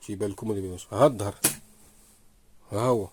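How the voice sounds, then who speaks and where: Sewing as he talks, this Moroccan Arabic-accented man gives a casual product demonstration of a sewing machine in his workshop, repeating "here you go brothers" to viewers. His lowish, slightly mellow voice races along, picked up by a phone camera held close while he works, with slight background noise.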